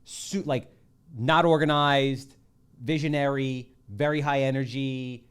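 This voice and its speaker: A man hosting a podcast, talking in an emphatic, jokey, animated way. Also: mid-range voice, takes it slowly, clear, resonant tone. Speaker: podcast host. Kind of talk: casual podcast conversation.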